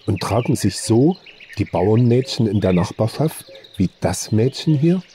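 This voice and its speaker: A man's voice: on the low side, lively intonation, unhurried, warm tone, slight background noise, pitched above the performer's own voice. A man voicing a shaken young traveler. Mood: insistent. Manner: tense, searching questions. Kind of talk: audiobook character reading.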